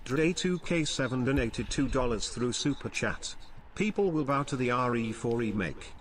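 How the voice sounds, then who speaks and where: A man's voice: medium pitch, expressive, normal speed, recorded from a distance, a little hiss or hum. A synthetic male voice reading out stream donations and messages as automated text-to-speech.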